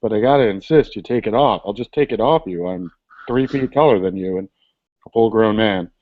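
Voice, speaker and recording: A man playing a gentle but firm schoolteacher in improv comedy, awkward and coaxing. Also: lowish voice, a little fast, narrow, tinny audio, lightly acted.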